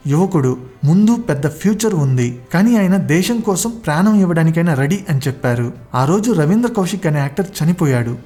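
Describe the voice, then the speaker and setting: Storyteller, warm dark tone, measured dramatic delivery, faint music bed. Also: mid-range voice. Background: faint background music.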